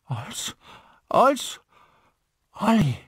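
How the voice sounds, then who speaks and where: A tender, soothing woman in a spoken thriller audiobook, put on by a male narrator. She speaks softly and calmly with a slight worry, in a raised, husky voice. The recording is close and dry. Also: lowish voice, slow pace, dry recording, pitched above the performer's own voice, heavily acted. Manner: soft, calming, slightly worried. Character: gentle woman soothing her partner.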